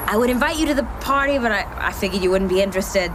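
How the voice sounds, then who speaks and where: A woman playing a loud, cheerful, bossy young sidekick friend in an audio drama, coaxing playfully and pushily. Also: mid-range voice, lively intonation, quick pace, noisy background, close to an everyday voice. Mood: upbeat, encouraging.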